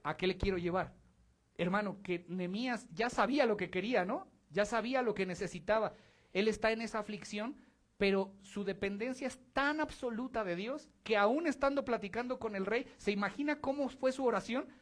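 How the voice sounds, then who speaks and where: A man with a Mexican accent preaching a sermon in church, speaking in a lively, conversational way and addressing the congregation directly. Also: high-pitched, a little fast. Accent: Mexican Spanish.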